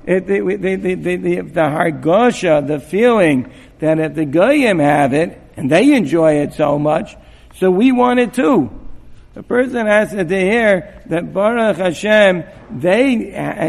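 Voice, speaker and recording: A man giving an informal Torah talk to students, halting with many restarts and repeated words, and peppering his speech with Hebrew and Yiddish terms. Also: high-pitched, vocal fry, long reverb tail. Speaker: rabbi giving a mussar talk.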